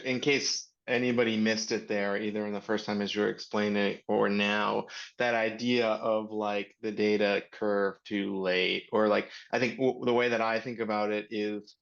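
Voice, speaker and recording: Man, lowish voice, muffled call audio, quick explainer full of ums. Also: creaky, fairly bright tone. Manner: fast, filler-heavy explaining. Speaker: panel co-presenter. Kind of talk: casual panel discussion.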